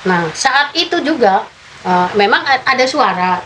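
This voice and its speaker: A woman's voice: on the high side, expressive, a little slow, fairly bright tone, a little hiss or hum, poor audio. Hesitant woman in her fifties telling her story. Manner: hesitant storytelling with many filler sounds. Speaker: guest giving testimony. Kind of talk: personal testimony told in conversation.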